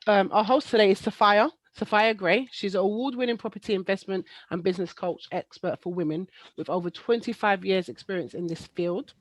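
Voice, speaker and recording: A woman's voice: mid-range voice, fairly even intonation, fairly quick, few pauses, dry recording, poor audio. A woman moderating an online webinar, chatty with frequent ums. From East London. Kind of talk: casual online presentation hosting. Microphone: video call.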